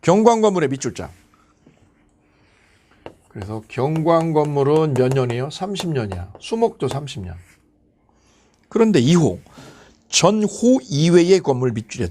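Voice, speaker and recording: A man lecturing for an exam prep course, his voice sitting a little high and swinging up and down a lot as he talks. He poses questions and answers them himself, hammering the key numbers again and again. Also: sing-song, moderate pace, pauses often, darkish tone.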